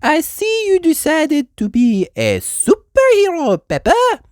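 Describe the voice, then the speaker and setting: A woman voicing a grand, gushing gazelle playgroup teacher with theatrical, drawn-out exclamations in a children's storybook. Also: sits high, huge pitch swings, no room sound, clean studio sound, voice pushed up, exaggerated voice. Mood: delighted. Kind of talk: acted children's storybook read-aloud.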